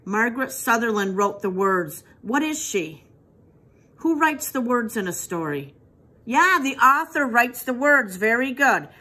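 A woman teacher reads a picture book to small children at an unhurried pace. Her voice is bright and clear and sits a little high. She stops often to quiz the kids gently and praise what they say. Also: very animated. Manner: patient, asks children questions and praises answers. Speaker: preschool teacher. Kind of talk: reading a picture book aloud to young children.

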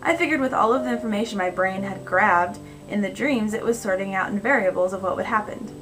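A young adult American woman narrating first-person fiction in a measured, conversational reading style. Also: mid-range voice. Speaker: storyteller. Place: small indoor room at home. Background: music, guitar.

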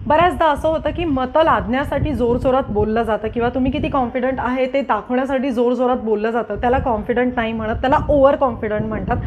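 A woman's voice: high voice, a little mellow, a little hiss or hum. A woman giving grooming and manners tips to her viewers in an earnest, repetitive way, slipping English words into her speech. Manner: earnest, repeats points, mixes in English words. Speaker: lifestyle vlogger. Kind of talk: casual advice talk to camera.

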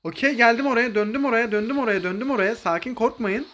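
A young man streaming a mobile game, commentating live in an excitable, joking way, barking orders to teammates and throwing in English exclamations. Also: extremely high pitch, quick pace, a little hiss or hum.

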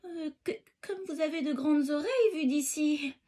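A woman voicing a frightened little girl in red in a children's storybook reading, her voice high, hurried and tearful. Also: mellow, close to an everyday voice.

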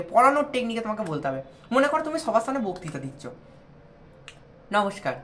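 A woman's voice: mid-range voice, a little hiss or hum. Woman from India coaching students. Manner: speaks directly to students, patient and explanatory. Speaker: tutor giving exam advice. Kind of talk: instructional talk to viewers.

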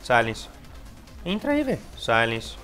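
A young Brazilian man with a Brazilian Portuguese accent commenting on his gameplay casually, excitable and repeating words, with sudden shouts. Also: mid-range voice, unhurried, soft background music. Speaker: gameplay streamer.

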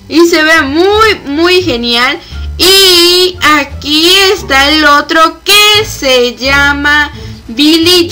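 A young woman giving let's-play commentary on a game, excitable, shrieking and laughing when chased. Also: sits high. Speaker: gamer.

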